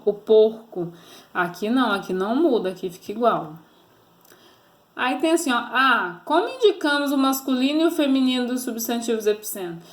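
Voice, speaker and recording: A Brazilian woman teacher giving a recorded grammar lesson to children, patiently posing fill-in questions and coaxing answers. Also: a little high. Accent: Brazilian Portuguese.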